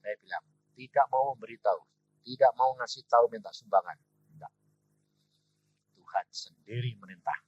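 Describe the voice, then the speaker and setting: An older man preaching in with a tinge, telling stories in an animated way and acting out the dialogue. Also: medium pitch, moderate pace, pauses often, muffled recording. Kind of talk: sermon with storytelling.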